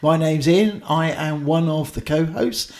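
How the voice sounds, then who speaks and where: A man's voice: fairly high pitch, measured pace. Man, Norfolk accent, podcast co-host, casual rambling chat, lots of fillers. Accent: Norfolk English. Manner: chatty, rambling with many ums and uhs.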